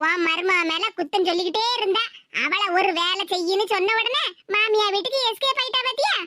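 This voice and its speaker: A curious cartoon neighbour woman who keeps prying and gossiping in a Tirunelveli Tamil lilt, as a voice actor plays her. The voice is pitched very high, with steady background noise. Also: a little fast. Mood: gossipy. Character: nosy, caring neighbour woman. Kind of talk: cartoon voice acting.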